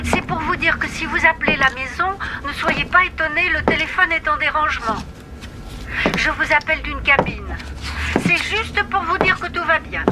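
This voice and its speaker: Brisk, reassuring young nurse on a payphone answering-machine message; high voice, heavy line hiss. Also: female voice. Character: polite young nurse leaving a phone message. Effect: answering-machine message left from a payphone.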